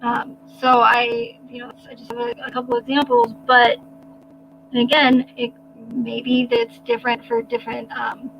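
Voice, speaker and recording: A woman's voice: fairly high pitch, fairly even intonation, normal speed, vocal fry, muffled recording, a little hiss or hum. A woman hosting a casual livestream, chatting with viewers in a rambling, hesitant way with many restarts. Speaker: livestream host. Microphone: home microphone.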